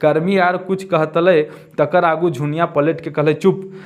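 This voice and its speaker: A man's voice: on the high side, fairly even intonation, moderate pace. A male teacher explains a story, repeating lines and asking and answering his own questions.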